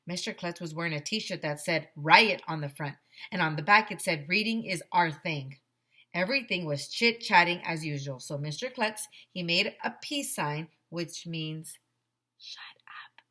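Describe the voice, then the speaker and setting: A teacher in middle age reads a kids' chapter book aloud at normal speed, using a headset mic inside a small decorated room. Voicing the story's schoolboy narrator in first person as a schoolkid would tell it, she uses her fairly low voice with expressive, theatrical emphasis.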